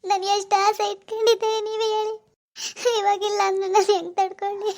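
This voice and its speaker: A young village mother voiced by a woman pleads in a very high voice. She keeps asking frantic questions, in a homemade village drama. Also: steady tone, quick pace, a little mellow. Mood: grieving.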